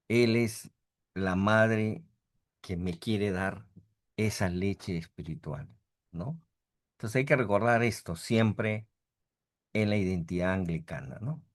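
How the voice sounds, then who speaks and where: Middle-aged priest man teaching theology on a video call, lowish voice, chatty, keeps tagging "no?" at the end. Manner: conversational, tags sentences with a questioning "no", acts out voices in quotes. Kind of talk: informal online lecture.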